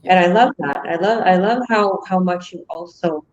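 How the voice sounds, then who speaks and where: Female host, lowish voice, dull audio, chatty and filler-heavy, on a video call. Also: normal speed, a little mellow. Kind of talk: casual online group call.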